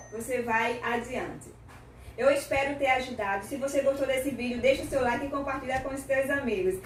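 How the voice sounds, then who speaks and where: A woman's voice: a little high, recorded from a distance, a little hiss or hum. A Brazilian woman teaching an English lesson, explaining patiently and checking in often with her listeners. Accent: Brazilian Portuguese. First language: Portuguese. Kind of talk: language lesson. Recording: echoey room, voice from off-mic.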